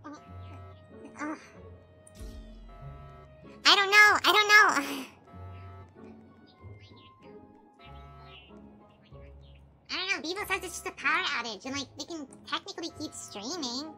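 A woman's voice: sits high, animated, a little fast, bright, forceful tone, faint music behind. A woman voicing a jittery young female robot streamer who stammers nervously, in a fan animation. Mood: scared.

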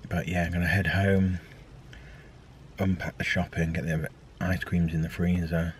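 In a low voice with a level tone and moderate pace, this man chats amid slight background noise. A vlogger in his thirties, he rambles hesitantly, saying um a lot, to a handheld camera at arm's length for a casual daily vlog. The setting goes from a park to a car to home.

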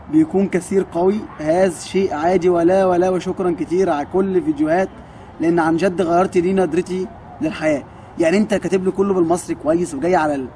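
Answering viewers' questions in a jokey, teasing Q&A, a twenty-something kung fu coach speaks with an Egyptian Arabic accent. His voice is high-pitched with a dark tone, and a little hiss or hum is audible.

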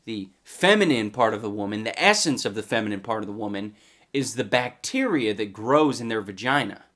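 A man's voice: fairly low pitch, lively intonation, brisk, fairly bright tone. A young man hosting a comedy commentary video, talking in a crude, mocking way and sliding into goofy voices. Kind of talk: sarcastic commentary.

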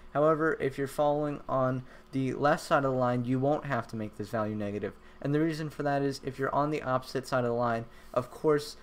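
A young man narrating a programming tutorial, explaining each step clearly with casual asides. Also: medium pitch. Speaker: robotics tutorial host. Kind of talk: screen-recorded tutorial narration.

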